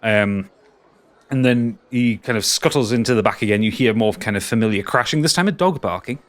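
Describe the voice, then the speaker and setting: A man running a tabletop game as game master, improvising narration in a halting way and repeating himself. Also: mid-range voice, dry recording.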